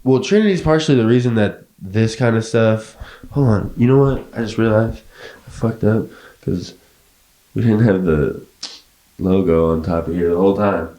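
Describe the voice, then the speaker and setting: A man's voice: fairly low pitch, normal speed, dark tone, echoey room. A young man hosting a casual podcast chat, laid-back, swearing freely and laughing often. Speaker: podcast host.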